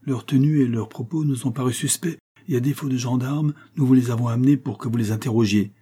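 A man's voice: mid-range voice, fast, mellow, husky, pitched above the performer's own voice, close to an everyday voice. A man voicing a deferential rural forest-guard sergeant reporting to his superior.

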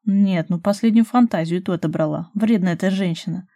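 A gruff, loving major from a romance audiobook, as a woman reader puts him on. He grumbles in mock annoyance and drops to husky whispers, in a mellow warm tone. The recording is dry and close. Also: medium pitch, quick pace, no echo. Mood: grumbling joking.

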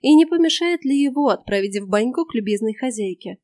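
A woman narrates a first-person audiobook with a lively, expressive delivery. Her voice sits somewhat high. The recording is dry and close, with no room sound. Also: brisk, no echo.

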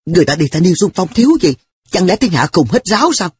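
A man's voice: high voice, expressive, quick pace, a little hiss or hum, voice pushed up. A man voicing an earnest, hot-tempered schoolboy who talks in a pushy, exasperated way. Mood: scolding.

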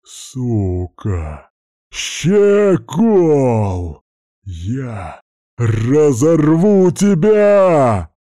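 A man voicing a huge, brutal, boastful male fighter in an audiobook, drawing out his lines in a slow snarl. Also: medium pitch, very animated, dark tone, no echo, clean studio sound. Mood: enraged.

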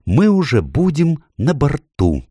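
A man voicing an excitable male faun in a storybook, talking in a high, eager, fussing way. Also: takes it slowly, slightly rough, no echo, studio quality, full character voice. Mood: scheming eagerly. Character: fussy, excitable male faun plotting an escape.

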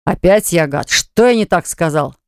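A narrator voicing a domineering man who lays down orders to his lover, speaking slowly and weightily in a smooth, dry, close-miked voice. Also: medium pitch, expressive, dry recording, close to an everyday voice. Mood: aggrieved. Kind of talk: audiobook character voice.

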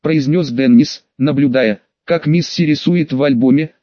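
A man's voice: a little high, moderate pace, no room sound, muffled recording. A man narrating a novel as an audiobook, voicing every character with only small changes. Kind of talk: scripted narration.

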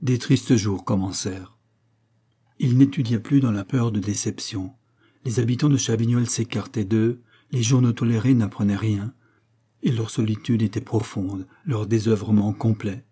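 A man narrating a classic novel as an audiobook, slow and measured. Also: lowish voice, fairly even intonation, mellow, breathy edge.

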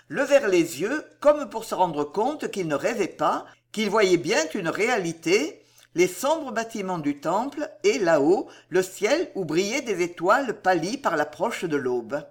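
Expressive audiobook narrator, lively pitch. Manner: measured, expressive storytelling. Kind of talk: dramatic novel narration.

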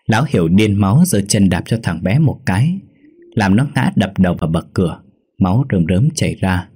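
A man telling a horror story in a slow, measured narration. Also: deep voice, animated, mellow, husky.

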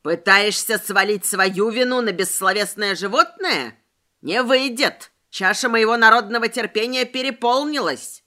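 A woman reading a storybook aloud, voicing a loud, bossy middle-aged neighbour woman who rants indignantly. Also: very animated, moderate pace. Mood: indignant ranting. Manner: booming, indignant ranting.

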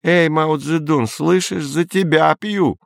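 A man's voice: on the high side, slow pace, creaky, dry recording, voice pushed up. A stubborn young woman answers in a teasing, defiant tone, as a male reader puts her on. Her voice sits well above his own. The sound is close and dry. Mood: mocking.

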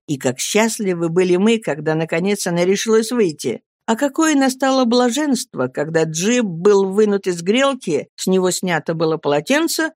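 A woman's voice: medium pitch, no echo, clean studio sound. Woman reading a classic novel aloud. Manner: steady, expressive storytelling. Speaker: audiobook reader.

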